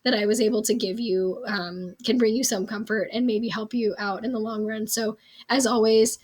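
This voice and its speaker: A young adult woman with a hoarse, strained voice, telling a personal story to viewers in an earnest, candid, informal way. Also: medium pitch, steady tone, a little fast, darkish tone. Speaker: vlog host.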